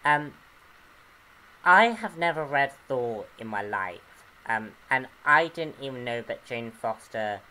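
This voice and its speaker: A man giving an unscripted comic book review, earnest and hesitant, often pausing to search for words. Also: medium pitch, sharp tone, slight background noise, rough recording.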